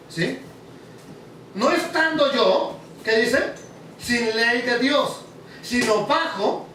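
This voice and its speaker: A preacher with a strikingly high voice teaches his congregation, stopping often to ask them questions. He sounds far from the mic. The hall around him rings with heavy echo. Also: fairly bright tone, slight background noise. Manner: asks the audience questions. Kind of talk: teaching sermon.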